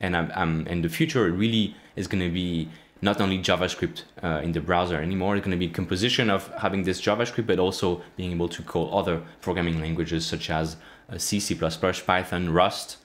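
The speaker, a relaxed male coding host in his thirties, has a low voice and talks haltingly, often restarting and using fillers. It's a casual screen-share walkthrough, recorded closely in a small indoor room against a plain wall.

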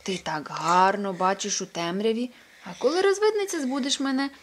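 A woman's voice: medium pitch, moderate pace, a little hiss or hum, close to an everyday voice. A woman voicing a kindly old farmer in a children's storybook, talking in a fussy, coaxing, grandfatherly way. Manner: fussy, coaxing, scolding at times.

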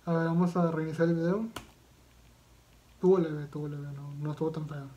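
A man's voice: fairly high pitch, steady tone, brisk, mellow, lo-fi sound. A man with a Mexican accent doing casual reaction commentary as a video vlogger, talking in a slangy, profane way with lots of fillers and restarts.

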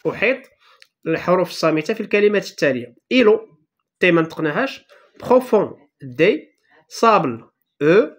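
A teacher with a Moroccan Arabic accent patiently explains a primary-school French lesson step by step. She reads French words slowly, then explains them quickly, using a medium-pitched voice with big pitch swings.

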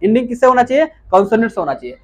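In a muffled recording, a very animated man with a very high voice teaches English grammar in a classroom-style lecture. He keeps answering his own questions and slowly repeats key words.

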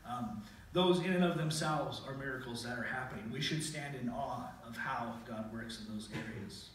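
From a pulpit mic in a very echoey church sanctuary, recorded from far off by the camera, a middle-aged man gives a sermon and reads scripture with earnest stress. His pitch is medium, his speed normal, and slight background noise can be heard.

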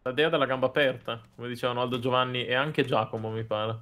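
A man's voice: mid-range voice, steady tone, fast, a bit bright. A man streaming a video game with friends, narrating his moves with playful jokes. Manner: playful, jokey commentary. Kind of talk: casual gaming chat.

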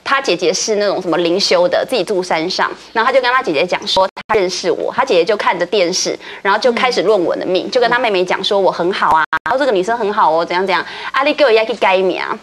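A woman, a talk show guest telling a story in a lively way, acting out other people's lines. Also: mid-range voice, fast, few pauses. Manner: lively, acts out others' lines, laughs often. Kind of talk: animated storytelling.

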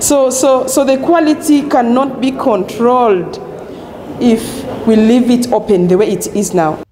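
A woman's voice: fairly high pitch, unhurried, a crowd in the background. A woman speaking urgently and insistently to press microphones in an office. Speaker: interviewee. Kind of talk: press interview. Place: indoor office. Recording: echoey room.

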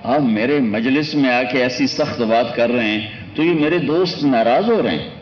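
A male preacher tells stories in an emotive sermon. His voice sits at an ordinary middle pitch, and he moves between loud, raised lines and hushed, low ones. A faint hiss runs under his voice. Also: dull audio. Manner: emotive, dramatic swings between loud and soft. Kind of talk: storytelling sermon.

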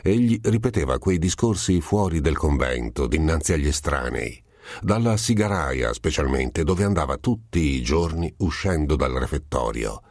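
A man reading a classic novel aloud as an audiobook narrator, in expressive storytelling narration. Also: very deep voice, normal speed, no room sound, clean studio sound. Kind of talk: scripted literary narration.

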